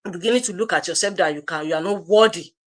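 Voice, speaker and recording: A woman's voice: lowish voice, fast. A woman co-hosting a livestream, giving an emphatic motivational talk straight to her viewers and repeating phrases to drive them home. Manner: direct, addresses viewers as you. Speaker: co-host of an online business community livestream.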